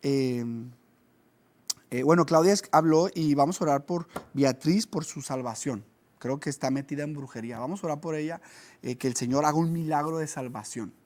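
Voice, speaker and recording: A man preaches a teaching sermon. He talks to his listeners directly and conversationally, and he becomes animated when he tells stories. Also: fairly high pitch, moderate pace. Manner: conversational, with lively storytelling. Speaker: pastor.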